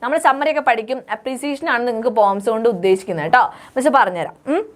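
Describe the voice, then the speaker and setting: Young woman, Malayali accent, high voice, online tutor, code-switches and sings the lyrics. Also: animated. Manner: mixes Malayalam and English, sings the lyric lines slowly. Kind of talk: online class explaining a song.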